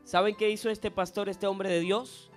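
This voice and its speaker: A man preaching a sermon, telling stories dramatically and building to loud, impassioned preaching. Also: high voice, little pitch movement, moderate pace, faint music behind. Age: adult, past university. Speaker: pastor.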